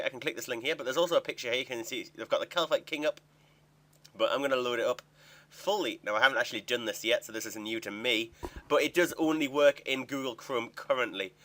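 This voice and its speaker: A man's voice: fairly high pitch, fairly bright tone. A young man giving casual commentary over a screen recording, chatty and thinking aloud as he clicks through a website. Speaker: gaming video creator.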